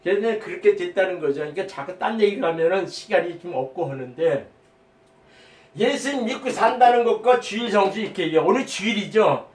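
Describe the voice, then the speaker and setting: A man's voice: high voice, animated, brisk. A middle-aged man giving an earnest, rambling spoken testimony as a lay preacher, emphatic and quoting his prayers. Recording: echoey room, voice from a distance.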